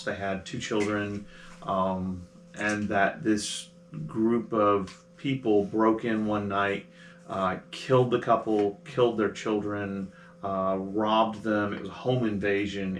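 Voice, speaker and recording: A man's voice: on the low side, fairly bright tone. Man narrating as game master, roomy. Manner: casual, filler-heavy, chatty narration. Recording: roomy with faint noise.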